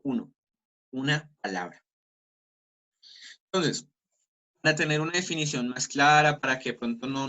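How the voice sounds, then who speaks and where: A male teacher with a Colombian Spanish accent, giving an online class lecture over a video call, stopping to spell out examples slowly. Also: mid-range voice, pushed and bright, low-quality recording. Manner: explanatory, slows down to spell out examples.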